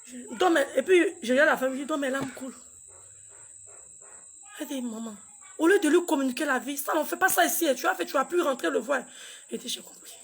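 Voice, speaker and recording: A woman, a mother, tells a painful personal story in a halting, repetitive way, acting out what each person said. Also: high-pitched, gravelly. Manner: halting and repetitive, acts out dialogue. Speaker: grieving mother recounting a loss.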